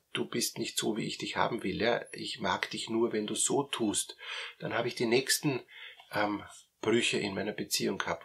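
Austrian male coach, middle-aged, husky low voice, explanatory and halting. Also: sharp tone. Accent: Austrian German. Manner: hesitant, many fillers and repeated words. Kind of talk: explanatory talk.

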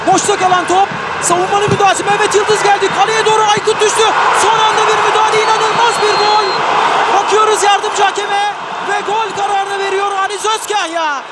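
A man doing live football commentary, screaming excitedly through the big chances and goals. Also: very high voice, fairly quick. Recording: loud stadium crowd and noise throughout. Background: roaring football stadium crowd.

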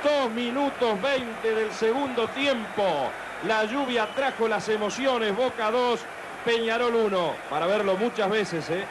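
Slow, very high-pitched male football commentator. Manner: drawn-out, florid, exclamatory. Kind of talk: live match commentary. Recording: noisy old television broadcast. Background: clear stadium noise.

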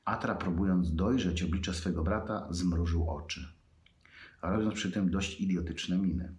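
A man with a very deep voice reads his own fiction aloud. His reading is measured and unhurried, with pauses between phrases. The voice sounds in an echoey room. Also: darkish tone.

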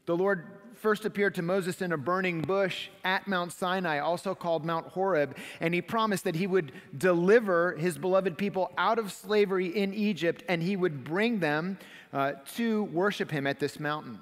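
Middle-aged male pastor, fairly high voice, expository with dramatic swells, sanctuary echo. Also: normal speed. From United States. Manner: expository preaching, dramatic swells when describing scenes. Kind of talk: sermon. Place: church stage behind a wooden pulpit. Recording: long hall reverb of a sanctuary.

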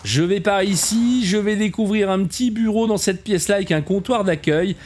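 Guy with a fairly high voice chatting through a game camp tour, keeps calling folks kids. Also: moderate pace, a little mellow. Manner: chatty, calls viewers "les enfants"; self-mocking asides. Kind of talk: casual gameplay commentary.

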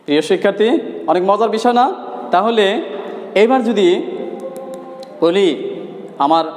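A man's voice: high-pitched, animated, a little slow, darkish tone. A male teacher from Bangladesh giving a grammar lesson, repeating key points and asking the students rhetorical questions. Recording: echoey room with long reverb.

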